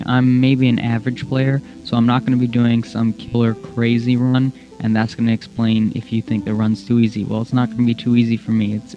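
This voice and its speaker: A man's voice: medium pitch, warm tone. A young man hosting a gaming channel, explaining the rules of his run in a rambling, self-correcting way, with the hiccups. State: has the hiccups. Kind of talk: casual gameplay commentary. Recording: dull lo-fi audio with faint music.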